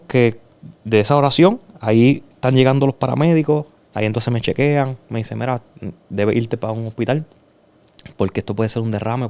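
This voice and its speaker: A Puerto Rican man giving an earnest, emotional personal testimony as a guest in a conversation, dropping soft and slow at heavy moments. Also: mid-range voice, gravelly, smooth. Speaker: podcast guest.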